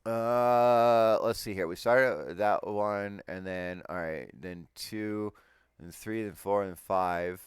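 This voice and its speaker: A man's voice: on the low side, takes it slowly, smooth, no echo, clean studio sound. A man in casual chat over an online voice call, telling a rowdy story with laughs and swearing. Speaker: tabletop game player. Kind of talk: casual chat before a game session.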